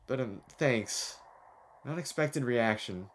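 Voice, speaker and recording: A man's voice: medium pitch, animated, slow pace. A man streaming a video game, chatting jokily and reading the dialogue aloud. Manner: jokey, rambling, reads lines with small voices.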